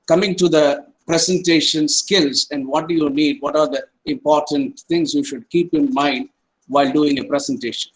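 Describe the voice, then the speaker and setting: A man's voice: on the high side, rough recording. A middle-aged man, an academic counsellor giving an online lecture and tagging his points with "right?" and "okay". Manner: repeats points, tags sentences with "right?" and "okay".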